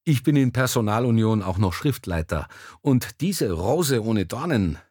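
A jovial, persuasive magazine editor with a hearty, breezy way of selling his plans, as a man reads him aloud. His voice sits on the low side and sounds close and dry. He talks like a man pitching a deal to an old friend. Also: sing-song, measured pace, darkish tone, breathy edge, dry recording, exaggerated voice.

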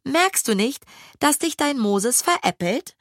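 A woman's voice: high-pitched, expressive, unhurried, fairly bright tone, no room sound, studio quality, pitched above the performer's own voice, exaggerated voice. A woman reading a storybook, voicing a cheeky young girl who talks in a superior, know-it-all way. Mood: teasing.

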